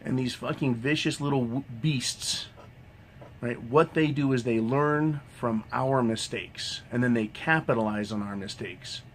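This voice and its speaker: A man's voice: medium pitch, measured pace, slight background noise. A man ranting in a monologue vlog, swearing constantly in a combative tone and tagging "right?" onto his sentences. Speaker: vlogger.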